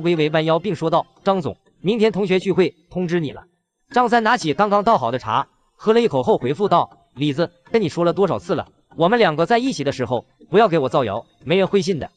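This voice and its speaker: Brief: male recap narrator, fast and lively, pitch bouncing, scripted telling of a skit. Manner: brisk storytelling, lively. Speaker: video narrator.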